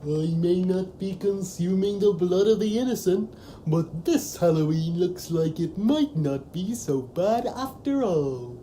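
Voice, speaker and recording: An actor performs an ancient pumpkin-headed evil being for a comic audio drama. The voice is very mellow and slow, sulking and sentimental in a theatrical way. A faint noise and rumble sit under it. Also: lively intonation, close to an everyday voice, low-quality recording. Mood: grateful, gleeful. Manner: theatrical, self-pitying declarations of evil. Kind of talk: comedic audio drama acting.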